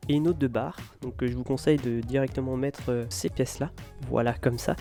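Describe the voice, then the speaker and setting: A man guiding viewers through a building tutorial in a relaxed, hesitant way, with many fillers. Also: medium pitch. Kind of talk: casual step-by-step tutorial.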